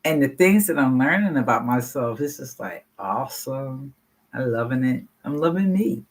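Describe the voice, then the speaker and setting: Her intonation lively and her pace normal, an older woman in her sixties gives a candid, wandering personal share at a support meeting. She swears offhandedly, and her low, deep voice carries a husky texture.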